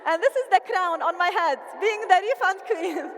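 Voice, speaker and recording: A high-voiced Lebanese woman delivers a motivational speech on stage at a large convention hall, speaking at normal speed. As a convention speaker, she's animated and playful, rallying the crowd. The recording is reverberant, with faint hall ambience.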